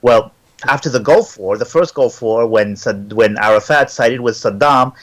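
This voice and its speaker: A man's voice: mid-range voice, moderate pace. A middle-aged man from Syria, a native Arabic speaker, answering interview questions and telling his story fluently with frequent "uh" fillers. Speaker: interview guest. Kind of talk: remote interview, conversational.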